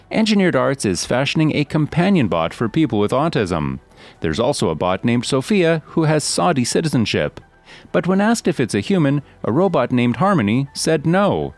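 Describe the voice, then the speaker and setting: A man narrates news from a script in a steady, read-aloud manner. His pitch moves in a lively, animated way. The voice sounds dry and close, with soft music underneath. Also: no room sound.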